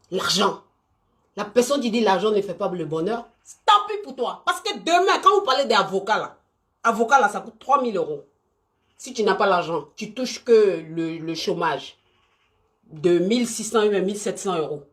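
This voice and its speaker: A woman talks live to her viewers, emphatic and repetitive. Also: mid-range voice. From Côte d'Ivoire. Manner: animated, emphatic and repetitive, talking straight to viewers. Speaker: live stream host. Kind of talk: unscripted live stream talk.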